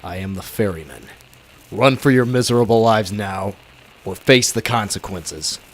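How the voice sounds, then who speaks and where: An actor playing a young, grave masked vigilante who poses as a bartender, in a theatrical 1920s radio drama style. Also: male voice, fairly low pitch, normal speed, natural voice. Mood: menacing, grave. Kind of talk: 1920s old-time radio drama acting. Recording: loud music under the voice.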